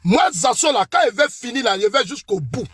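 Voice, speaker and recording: An Ivorian man with a strikingly high, husky voice delivers a heated political rant. He hammers his accusations and keeps calling his opponent out by name. The recording is close and dry. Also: very animated, a little fast, a bit bright, dry recording. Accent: Ivorian French. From Ivory Coast. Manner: emphatic, accusing, repeats the rival's name. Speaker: political commentator. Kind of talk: heated rant addressed to a rival.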